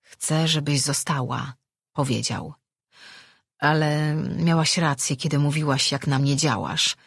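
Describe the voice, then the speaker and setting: A woman's voice: sits low, steady tone, slow pace, gravelly, breathy edge, no room sound, studio quality, exaggerated voice. A woman voicing a weary, restless man who is an ancient dream weaver, speaking in an earnest, reflective way.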